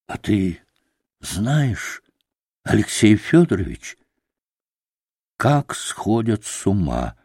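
A man's voice: on the low side, big pitch swings, extremely slow, long pauses, a little mellow, breathy edge, no echo, clean studio sound, heavily acted. A man reading an audiobook, voicing an irritable, feverish young man who speaks curtly and sardonically. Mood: bitter. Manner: curt and sardonic.

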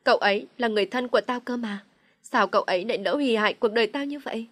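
A woman's voice: fairly high pitch, racing, no room sound, lightly acted. A woman reading a storybook, voicing a young mother who pleads through her tears. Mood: grieving.

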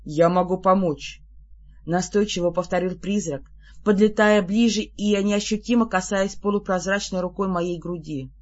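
An audiobook reader narrating in the first person, lively and exasperated in the heroine's lines. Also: medium pitch, normal speed, highs cut off.

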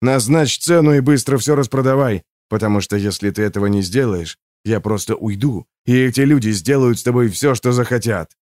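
A man's voice: mid-range voice, fairly quick, darkish tone, no echo, clean studio sound, lightly acted. A man voicing a tough male police detective who speaks bluntly and with authority. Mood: stern. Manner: blunt and commanding.

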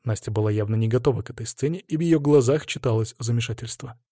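A man narrating a story in the first person in a steady, measured way. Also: medium pitch, dry recording, studio quality.

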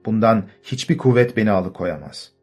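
A cold, relentless woman revolutionary, as a male narrator puts her on in an audiobook. She declaims her vow of revenge firmly, in a low voice pushed a little higher and louder. Faint music plays underneath. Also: moderate pace, close to an everyday voice. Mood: vengeful.

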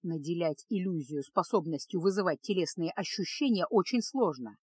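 In a storybook reading, a woman voices a gloomy male mage who speaks low and measured in a calm, lecturing mood, like a teacher who has explained this too often. Her expressive, slightly rough voice is recorded dry and close, with no room sound.

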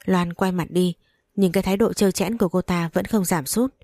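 Low-voiced woman telling a story. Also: fairly even intonation, fairly quick, mellow, no room sound, clean studio sound. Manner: dramatic first-person telling. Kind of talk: scripted story narration.

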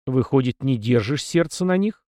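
A man reading an audiobook, voicing a weary, guarded middle-aged centurion who asks measured, probing questions. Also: mid-range voice, expressive, a little mellow, no echo, studio quality, lightly acted.

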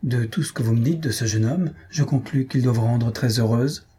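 A husky-voiced man reading aloud, voicing a polite, grateful young woman in a storybook. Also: mid-range voice, moderate pace, dark tone. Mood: gentle.

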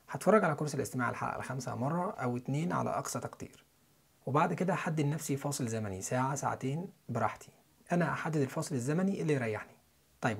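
A young man with an Egyptian Arabic accent, teaching English listening and pronunciation in a quick, chatty way. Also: mid-range voice, vocal fry, husky. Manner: quick, chatty lesson delivery with spelled-out letters and repeated example words.

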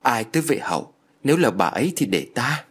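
A man's voice: mid-range voice, very animated, brisk, breathy edge. A man doing an anguished old bedridden man. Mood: calm. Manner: pleading, anguished.

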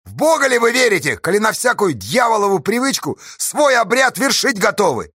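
A man's voice: high-pitched, big pitch swings, fairly quick, pushed and bright, husky, no echo, clean studio sound, pitched above the performer's own voice, exaggerated voice. A man voicing a hot-tempered, defiant barge pilot who commands his crew in an audiobook. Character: fiery stubborn barge pilot, a grown man.

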